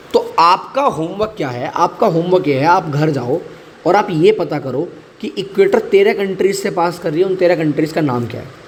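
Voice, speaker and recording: A male teacher explains current affairs for exams in a chatty, repetitive way, slipping English phrases into his Hindi. His voice sits a little high. A faint hiss of background noise runs under the recording. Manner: chatty, mixes English into Hindi, repeats key points. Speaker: exam-prep teacher.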